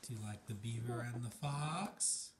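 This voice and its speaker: A man casually narrating a home video of a baby in simple, halting phrases, recorded on a phone. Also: mid-range voice. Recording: noisy phone video with clicks.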